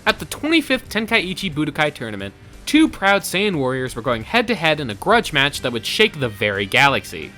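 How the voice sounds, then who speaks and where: This man, a co-host on a versus show, delivers scripted narration like a dramatic stage storyteller. Slightly high and bright, his forceful voice moves briskly with big pitch swings, and faint music plays underneath.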